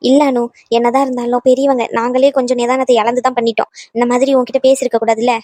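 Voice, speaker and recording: A woman voicing a caring sister-in-law who reassures a young pregnant woman and gently urges her to eat. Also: a little high, little pitch movement, fast talker, no room sound, close to an everyday voice. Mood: reassuring.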